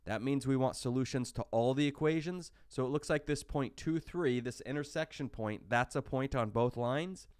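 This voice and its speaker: A man's voice: mid-range voice, moderate pace, few pauses, darkish tone, clear, resonant tone, no room sound, studio quality. A sick man with hiccups, casually talking through a recorded online math lecture with many fillers and restarts. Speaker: math instructor.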